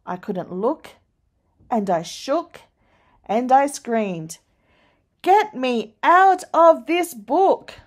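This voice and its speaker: A woman reads a children's picture book aloud at an unhurried pace. Her voice is mid-pitched and expressive, rising for the scary moments. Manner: slow, deliberate storytelling. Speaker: storyteller.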